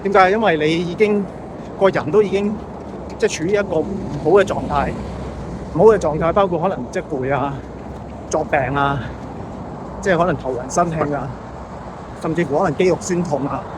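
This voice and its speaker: A man's voice: a little high, noisy background. A man with a Hong Kong Cantonese accent gives an unscripted, casual monologue, talking conversationally and checking in with rhetorical questions. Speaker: vlogger.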